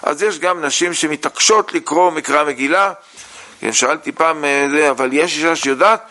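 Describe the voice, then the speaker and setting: A man teaching a lesson on religious law, reading sources aloud and explaining them with many pauses and fillers. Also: a little high, bright, forceful tone. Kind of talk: halakha lesson.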